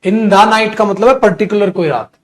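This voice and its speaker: A middle-aged man with an Indian accent teaching a live online English grammar class, dictating sentences slowly and then correcting the students quickly and fondly. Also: sits high.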